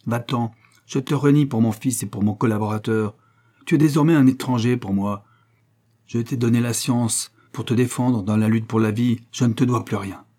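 Old inventor dad, man doing the voice, bossy and heated, husky, kinda dark audiobook read. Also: fairly low pitch, normal speed, lightly acted. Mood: furious. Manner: commanding, heated. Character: domineering old male inventor, quick-tempered father. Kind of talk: audiobook character reading.

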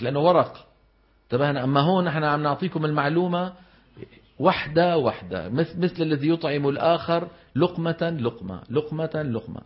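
A man with a Levantine Arabic accent teaches Quran recitation in a classroom lecture, his mid-range voice slightly rough. He poses questions to the class and answers them himself, stressing the exact vowels of each term. The lecture recording sounds dull and lo-fi.

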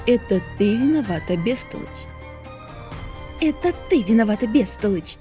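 A woman voicing a spiteful young stepsister who yells with jealous scorn. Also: medium pitch, expressive, normal speed, soft background music, pitched above the performer's own voice, natural voice. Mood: furious. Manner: yelling, scornful.

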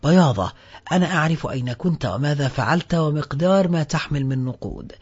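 A man's voice: on the high side, expressive, quick pace, slightly rough. A man voicing a menacing vengeful ex-convict. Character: hardened vengeful male ex-convict, armed. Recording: dull lo-fi with faint music.

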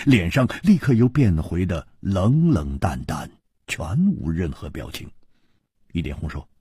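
A man telling a martial-arts tale in radio storytelling style, with expressive, swooping delivery. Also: lowish voice, slightly rough, no echo, clean studio sound.

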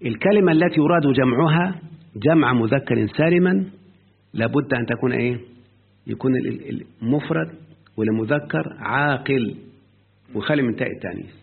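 Husky man teaching grammar over phone line. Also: mid-range voice, expressive. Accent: Egyptian Arabic. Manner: questioning the student often, drawn-out quoting. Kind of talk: Arabic grammar lesson.

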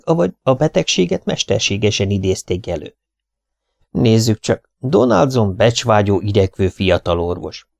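Low-voiced male audiobook narrator. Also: no room sound, studio quality. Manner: steady, questioning inner monologue. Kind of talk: first-person audiobook narration.

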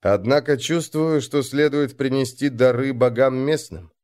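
A man narrating an audiobook with dramatic, expressive delivery. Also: mid-range voice, a little slow. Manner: dramatic, varied intonation.

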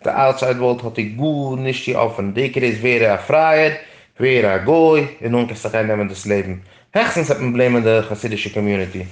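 A man's voice: mid-range voice, echoey room. A man giving an impassioned monologue about his community, emphatic, mixing German with English words.

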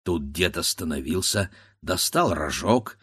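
A low-voiced man reads a folk tale aloud, slow and unhurried. His delivery is dramatic and expressive, with a voice that rises and falls widely. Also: slightly rough, no room sound, clean studio sound. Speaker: narrator. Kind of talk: storybook reading.

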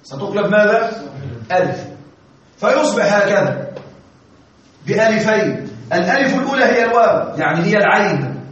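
A man teaching Arabic grammar in a classroom lecture, constantly quizzing his students and pausing for their answers. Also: high-pitched, lively intonation, fairly bright tone. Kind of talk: classroom lecture with call-and-response questions. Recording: distant, echoey, dull lo-fi with faint hiss.

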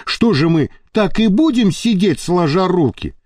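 A man's voice: high voice, animated, a little slow, darkish tone, no echo, studio quality, voice pushed up. A man voicing a nervous middle-aged father who frets and worries aloud. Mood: anxious. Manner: nervous, fretful.

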